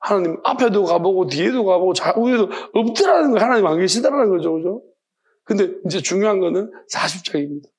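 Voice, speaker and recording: A male pastor, preaching a midweek sermon in a conversational, animated way, often laughing. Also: high-pitched, quick pace, slightly rough.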